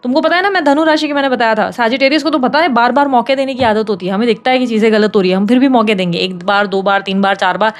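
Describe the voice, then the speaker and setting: Woman, tarot reader, casual chat, fast and teasing, big-sister scolding, a bit high-pitched. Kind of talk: casual direct-to-camera tarot reading.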